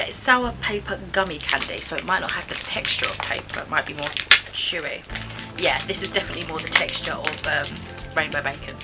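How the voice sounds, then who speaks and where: A young British woman with a slightly low voice chats casually to camera as a snack vlogger. She muses aloud and hesitates as she gives her verdicts. Music plays clearly behind her. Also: low-quality recording. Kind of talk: casual chatty taste-test commentary. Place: small bedroom, indoors.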